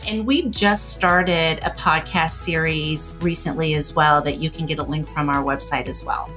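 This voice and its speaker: Middle-aged woman from indonesia, guest on a podcast, bright tense voice, talks lively, laughs a lot. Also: low-pitched, normal speed, faint music behind. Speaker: podcast guest, architecture firm executive. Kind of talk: conversational interview.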